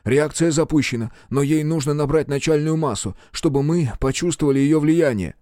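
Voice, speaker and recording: A man voicing an excitable male ship engineer who yells orders under pressure. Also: fairly high pitch, moderate pace, dry recording, clean studio sound, pitched above the performer's own voice, lightly acted. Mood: explaining. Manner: yelling orders.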